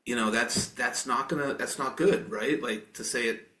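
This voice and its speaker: A man in his forties hosting a podcast interview, chatting loosely and circling back on himself with fillers and restarts. His voice sits at an average pitch and carries a noticeable room echo around it. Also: moderate pace, pushed and bright. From Maine. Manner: rambling, frequent fillers and self-corrections. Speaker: podcast host. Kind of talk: casual interview chat. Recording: roomy echo.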